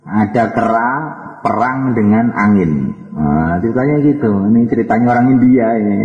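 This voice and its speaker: A man giving a folksy Islamic sermon, asking his listeners rhetorical questions and chanting Arabic verse slowly. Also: medium pitch. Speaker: preacher. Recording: echoey hall, dull lo-fi sound.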